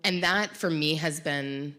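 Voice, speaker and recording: Reflective low-voiced woman on stage. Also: measured pace, bright, forceful tone. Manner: reflective, searching for words, many fillers. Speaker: podcast co-host. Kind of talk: live panel conversation. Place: live event on stage. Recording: uneven live-show sound.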